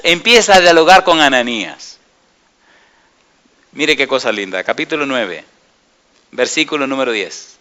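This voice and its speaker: Bright-voiced man preaching a sermon. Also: medium pitch. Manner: emphatic, asks the congregation questions; swings from soft murmurs to raised exclamations.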